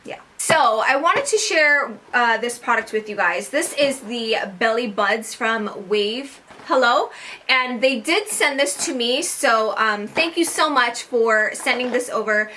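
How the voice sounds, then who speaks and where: Woman vlogger, casual to-camera chat, slightly breathless, crisp bright tone, rambling with fillers. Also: a little high, animated, measured pace, slight background noise. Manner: chatty, lots of fillers and restarts. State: short of breath.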